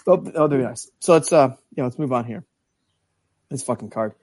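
A man co-hosting a casual sports podcast, steering the talk with halting restarts. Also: medium pitch, animated, darkish tone, no echo, studio quality. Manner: moves the talk along, hesitant restarts. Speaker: podcast co-host.

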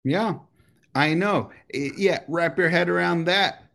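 A man's voice: fairly high pitch, takes it slowly, gravelly, fairly bright tone. A man co-hosting a casual podcast, ranting crudely and swearing with frequent laughter. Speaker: podcast co-host.

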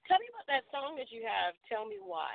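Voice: medium pitch, very animated, brisk, creaky. An interviewer asking questions and giving brief, encouraging responses. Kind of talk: casual interview. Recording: tinny phone line, distant from mic.

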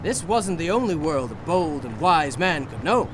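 With a male voice a little high and very animated, an actor in a radio drama voices a boastful, eccentric painter of horrors, speaking fervently and persuasively at a moderate pace. The background is noisy.

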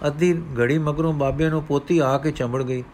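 A man narrating a devotional story aloud in measured storytelling. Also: fairly high pitch, steady tone, darkish tone, slight background noise.

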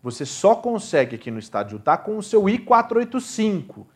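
Chatty Brazilian host, fairly high voice. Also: male voice, very animated, fairly quick, slightly rough. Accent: Brazilian Portuguese. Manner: casual, chatty, reads questions aloud. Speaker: podcast host reading audience questions. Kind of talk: live podcast hosting.

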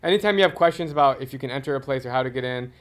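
Male host, average pitch, enthusiastic and emphatic, conversational interviewer. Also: racing. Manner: enthusiastic, emphatic travel talk. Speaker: podcast host.

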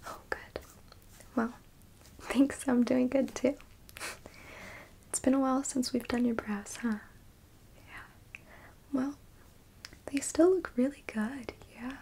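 A woman whispering close to the mic as a beautician, softly repeating words while she works. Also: high voice, slow, vocal fry, long pauses, a little hiss or hum. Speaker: beautician in a roleplay. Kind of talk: ASMR roleplay.

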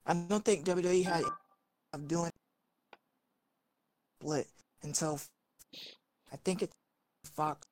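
A woman co-hosting a casual podcast chat over a remote call whose audio glitches and keeps breaking up, so her words come out halting and cut off. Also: lowish voice, fairly even intonation, noisy background.

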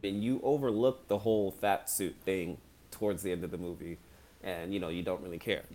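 A man chatting casually about films, relaxed and measured, with many fillers. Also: low voice. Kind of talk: casual film discussion.

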